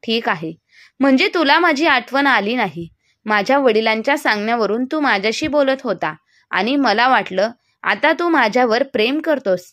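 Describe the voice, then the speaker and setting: Stubborn young wife, sharp and defiant, bit high-pitched, a woman reading her. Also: expressive, moderate pace, no room sound, studio quality. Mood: indignant.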